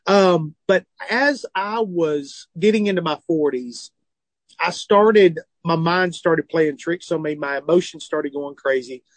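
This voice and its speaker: A Southern comedian and author in his forties, guesting on a phone or remote interview from a tour bus, tells candid stories in a lightly high voice. He's animated, earnest and self-deprecating, speaking unhurriedly with a dry, close sound and no room sound.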